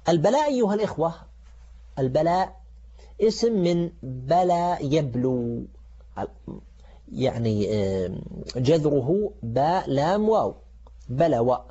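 A male religious teacher explains scripture grammar in formal Standard Arabic. His voice is mellow and rather high for a man, and he often stumbles and repeats words as he works through a point. The audio is dull and muffled. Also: slightly rough. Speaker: religious teacher presenting a show. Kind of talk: Quranic grammar lesson, semi-improvised lecture.

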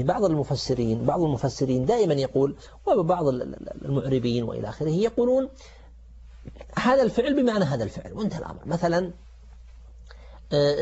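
A man teaching Quranic grammar in formal Standard Arabic as a programme's religious teacher, in a halting way that repeats words as he explains. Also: high voice, darkish tone, slightly rough. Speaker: religious teacher presenting a show. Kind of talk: Quranic grammar lesson, semi-improvised lecture. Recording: dull, muffled lo-fi audio.

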